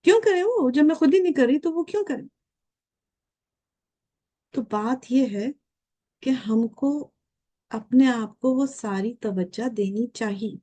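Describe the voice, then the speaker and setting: An older woman in her late fifties speaks as a guest with an earnest, reflective manner. Her voice is warm and mellow and sits somewhat high. She keeps turning to the viewers with questions and slips English phrases into her talk. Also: expressive, measured pace, long pauses. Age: 50s.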